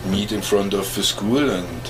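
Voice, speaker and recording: A man in his forties with a German accent and a very low voice tells his life story in an interview. He pauses to search for English words and chuckles now and then. A steady background noise sits under the recording. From East Germany. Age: 40s. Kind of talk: oral history interview.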